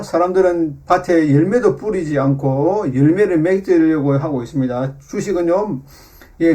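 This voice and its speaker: A middle-aged man giving a slow, repetitive lesson on stock charts, often filling pauses with short affirmations. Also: fairly high pitch, mellow. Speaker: stock market commentator.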